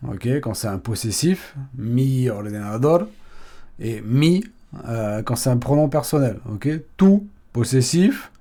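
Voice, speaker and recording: A man's voice: mid-range voice, warm tone. A man giving a casual video language lesson, chatty and hesitant, with frequent fillers and restarts. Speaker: Spanish teacher.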